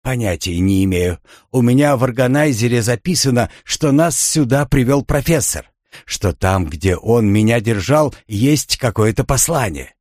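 A man's voice: mid-range voice, expressive, moderate pace, darkish tone, no room sound, clean studio sound, natural voice. A man reading an audiobook, voicing a frightened young woman with memory loss who asks anxious, insistent questions.

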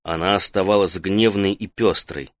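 Low-voiced male audiobook narrator. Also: normal speed, no room sound. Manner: steady, even storytelling. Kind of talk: scripted narration. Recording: dry close studio sound.

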